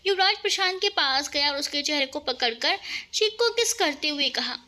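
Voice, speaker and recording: A woman narrating a romantic family story and voicing every character herself. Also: normal speed. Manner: lively, shifts pitch for each character.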